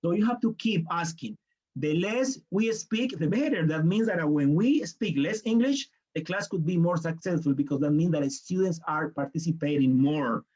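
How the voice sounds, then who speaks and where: In this online workshop, a Colombian teacher trainer explains step by step in a Colombian Spanish accent, briefly taking on the voices of students and parents. His slightly high, animated voice is a little mellow at a normal speed, and the audio sounds dull.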